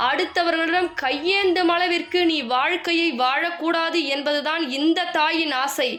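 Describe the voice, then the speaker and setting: High-voiced woman giving devotional counsel. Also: fairly bright tone. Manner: earnest, scolding and pleading, addresses listener as dear child. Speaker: devotional speaker. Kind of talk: devotional message in the goddess's voice.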